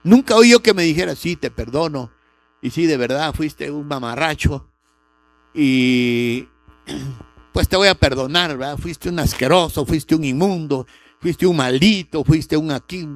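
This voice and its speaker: A man's voice: a little high, unhurried, soft background music. Emphatic male preacher. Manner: emphatic preaching, rising sharply on key words. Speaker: pastor. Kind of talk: sermon with personal testimony.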